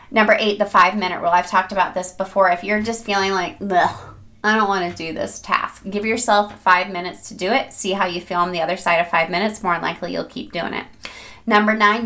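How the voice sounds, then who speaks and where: A woman's voice: medium pitch, bright, forceful tone. Upbeat, encouraging woman podcast host. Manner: upbeat, encouraging, chatty, addressing listeners as friends. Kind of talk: upbeat personal-development advice podcast.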